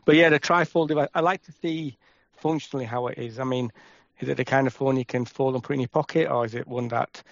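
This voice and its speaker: A man with a Yorkshire accent chatting casually as a podcast co-host, with quick, halting restarts. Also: medium pitch, fairly even intonation, creaky, dry recording. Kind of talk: casual chat. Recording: dry, slightly muffled.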